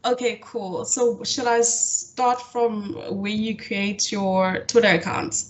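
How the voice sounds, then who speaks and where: A young woman facilitating an online coding workshop over a video call, often pausing with fillers and restarting her sentences. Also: mid-range voice, level tone. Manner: hesitant, lots of fillers and restarts. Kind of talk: live online coding tutorial.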